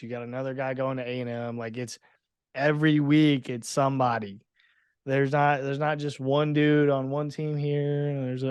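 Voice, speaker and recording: A man's voice: medium pitch, smooth, dry recording. A young man with a mid-range voice hosts a casual interview in a friendly, easygoing way. He is recorded close and dry. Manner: laid-back, chummy, quick to agree. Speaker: podcast host.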